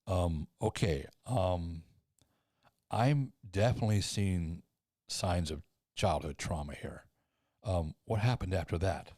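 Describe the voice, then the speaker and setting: A man's voice: low voice, slow pace, warm tone, no echo, studio quality. A man playing a hesitant, stammering therapist. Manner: hesitant, full of ums and stammers. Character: nervous male therapist, hesitant and awkward. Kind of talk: parody sketch.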